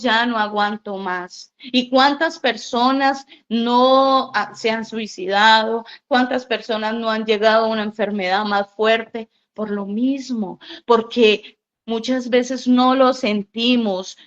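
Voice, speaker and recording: A woman's voice: fairly high pitch, lo-fi sound. A woman pastor preaching a sermon in an earnest, emphatic way, repeating her key phrases.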